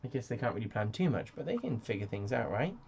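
Chatty man with a gravelly voice. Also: mid-range voice, sing-song, fast, darkish tone, slight background noise. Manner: chatty, self-mocking, reads out viewer comments. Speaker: live-stream host. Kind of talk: casual live-stream chat. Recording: dull lo-fi sound.

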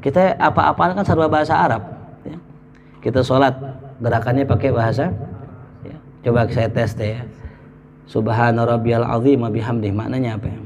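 A male Islamic preacher, giving a lively sermon full of jokes and anecdotes. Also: mid-range voice, moderate pace, creaky, long pauses, lo-fi sound. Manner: lively, joking, mimics market sellers.

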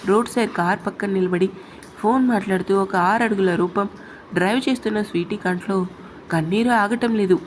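A woman narrating an emotional love story in a steady, expressive storytelling voice. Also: mid-range voice, brisk, slight background noise, rough recording. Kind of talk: dramatic audio story narration.

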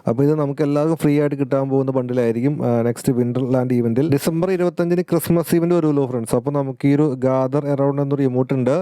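Male gaming vlogger, very fast casual delivery, dark smooth tone, talks straight to his viewers. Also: mid-range voice, fairly even intonation, no echo. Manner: chatty, keeps addressing viewers as friends and guys. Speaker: gaming YouTuber. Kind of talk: casual game update commentary.

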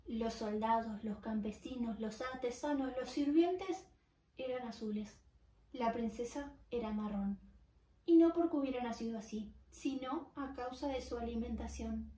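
A woman reading a children's story aloud in a clear, expressive storytelling manner with dramatic pauses. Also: fairly high pitch. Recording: roomy, far from the mic.

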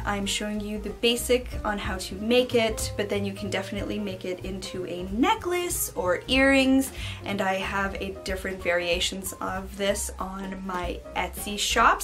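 A woman in her thirties hosts a craft tutorial in a chatty, informal way. Her voice sits at an average pitch for a woman, and music plays behind her as she explains. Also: fairly bright tone. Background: background music.

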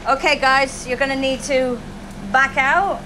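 A woman's voice: sits high, fairly even intonation, unhurried, noisy background. Chatty woman vlogging outdoors. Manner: chatty, upbeat, talks to dogs and people. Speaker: animal shelter vlogger. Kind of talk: casual handheld vlog chat. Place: outdoors at an animal shelter.

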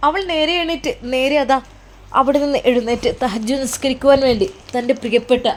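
A woman's voice: sits high, brisk. A woman narrating a religious family story in a dramatic, emphatic style.

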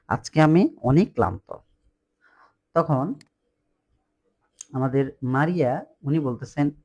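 A man teaching phrases by explaining each line, slow and repetitive with frequent fillers and self-corrections. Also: medium pitch, darkish tone. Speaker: language teacher. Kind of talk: explaining dialogue lines.

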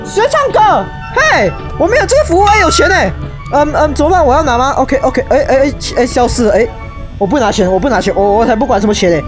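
A young woman, her high voice jumping into shrieks and English exclamations as she plays. Her let's play commentary runs over loud background music. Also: very animated, fast. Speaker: gaming YouTuber.

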